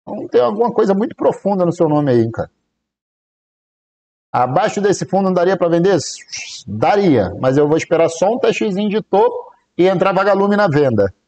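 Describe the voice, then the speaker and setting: Brazilian guy on a live trading stream, kinda high voice but mellow, jokey and chatty. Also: lively intonation, brisk, highs cut off. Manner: casual, joking, counts aloud softly while waiting. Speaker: day trader streaming live.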